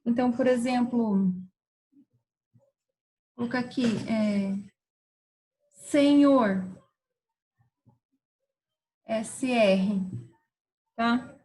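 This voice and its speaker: This woman's voice is a little high with a warm tone, captured in a low-quality recording. As a teacher, she patiently explains grammar, spelling words slowly and checking in with students through frequent "tá?" and "certo?"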